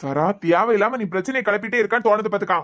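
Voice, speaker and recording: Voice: medium pitch, racing, fairly bright tone, lightly acted. A performer voicing a young husband who is a police officer in a cartoon series, defensive and pleading, with a Kanyakumari Tamil accent. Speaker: cartoon character. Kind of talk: cartoon web series dialogue.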